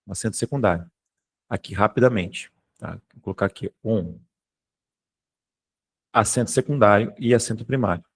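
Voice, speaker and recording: A man's voice: fairly low pitch, moderate pace, long pauses, breathy edge. A man with a Brazilian Portuguese accent teaching a grammar class online, explaining step by step and checking in with students often. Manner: explanatory, keeps checking in with "tá?" and "beleza?"; informal, occasionally swears.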